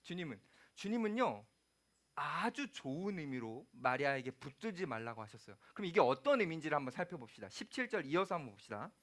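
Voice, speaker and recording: A man's voice: fairly high pitch, big pitch swings, quick pace, a bit bright. A man preaching a sermon to young adults in a conversational way, asking the congregation questions and acting out quoted lines. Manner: acts out quoted lines, sometimes dropping to a whisper; humorous personal asides. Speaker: youth pastor.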